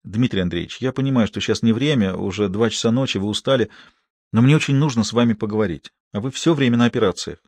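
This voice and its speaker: A man reading an audiobook and voicing a tearful young woman nurse who begs softly and insistently. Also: on the low side, fast talker, no echo. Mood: pleading. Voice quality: soft, pleading. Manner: begging and insistent. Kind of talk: audiobook character voice.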